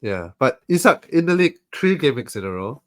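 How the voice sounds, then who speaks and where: A man's voice: mid-range voice, big pitch swings, brisk, fairly bright tone. A man co-hosting a podcast in casual chat, sounding nasal and congested from a flu, laid-back and listing stats methodically. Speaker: podcast co-host.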